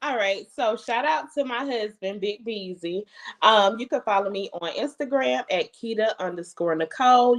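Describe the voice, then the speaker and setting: A woman with a New Orleans accent, a podcast guest who hesitates and laughs easily in casual chat. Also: medium pitch.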